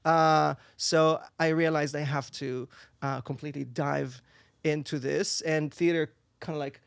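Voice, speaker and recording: A young Israeli man with a gravelly, resonant voice that sits a little high, talking casually as a podcast guest. His English is that of a native Hebrew speaker, and he pauses with fillers while he hunts for words. The recording is dry and close. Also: fairly even intonation, dry recording. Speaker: guest, singer and performer. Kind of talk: casual interview chat.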